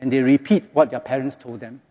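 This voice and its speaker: A man preaching a sermon, reading scripture aloud and telling the story in an animated way, recorded in a dull, echoey hall. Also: mid-range voice, fast. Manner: animated storytelling, acts out quotes.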